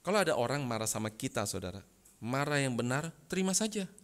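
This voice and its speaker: A man preaching a sermon as pastor, swinging from loud bursts to soft asides and often addressing the congregation directly. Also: medium pitch, very animated, fast talker. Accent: Indonesian.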